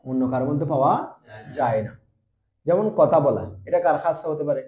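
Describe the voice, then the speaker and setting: A young man with a Bangladeshi Bengali accent teaching a grammar lesson, asking questions and answering them himself, and repeating terms slowly. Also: a little high, mellow, echoey room. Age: young adult. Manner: spells out letters and repeats terms.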